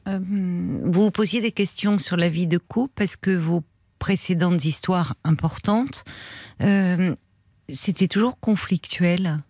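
A woman hosting a radio call-in show, listening to a caller and gently rephrasing what he says before asking follow-up questions. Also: lowish voice, slow, dry recording. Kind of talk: empathetic listening and reformulating. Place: radio studio.

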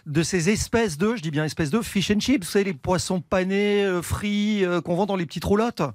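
A man hosting a live radio show, lively and quick to laugh. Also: sits high, no room sound, studio quality. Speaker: radio host.

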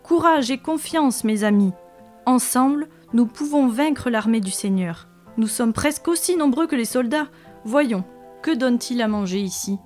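Woman reader doing a bold, rallying storybook dragon chief, raised high pitch, declamatory, faint music behind. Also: lively intonation, normal speed, a little mellow, close to an everyday voice. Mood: rousing. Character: brave, rousing male dragon leader. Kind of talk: storybook read-aloud.

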